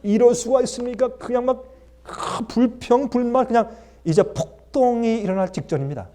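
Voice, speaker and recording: A male pastor giving a dramatic, animated sermon and talking directly to the congregation. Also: extremely high pitch, moderate pace.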